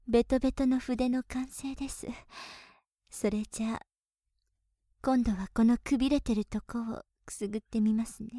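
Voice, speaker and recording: A young woman plays a playful young maid who teases her master in a polite, coaxing voice, in a whispered role-play. Her voice sits a little high but sounds mellow and warm, with soft breathy giggles. It is recorded close up and dry, with no room sound. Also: dry recording.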